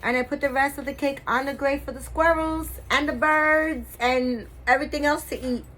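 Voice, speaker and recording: A woman's voice: high-pitched, steady tone, normal speed, a bit bright, poor audio. A woman in her fifties, a doll-collecting vlogger, chatting casually to her viewers in a rambling way, full of fillers and restarts. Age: 50s.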